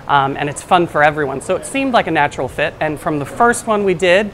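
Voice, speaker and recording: A man's voice: fairly high pitch, lively intonation, fairly quick, a bit bright, slight background noise, low-quality recording. A man with an American accent giving an interview as a theatre group's founder and director. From United States.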